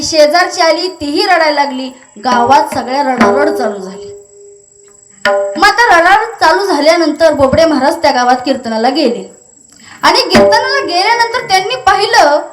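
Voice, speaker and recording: A woman preacher giving a devotional kirtan sermon, telling a lively story and breaking into chanted verses. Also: very high-pitched, normal speed, echoey room, over music.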